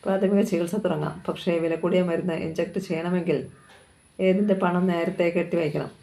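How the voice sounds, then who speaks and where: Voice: medium pitch, steady tone, fairly quick, creaky, mellow, lightly acted. A narrator voicing a cold, contemptuous male doctor who answers curtly in a storybook reading. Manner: curt, sneering.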